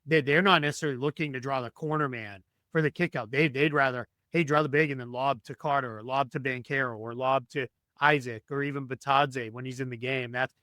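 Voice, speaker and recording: A man's voice: mid-range voice, steady tone, a little fast, bright, forceful tone, no echo. Man losing his voice, dry close mic. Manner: thinking aloud with many restarts and ums. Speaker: guest analyst. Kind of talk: podcast sports analysis.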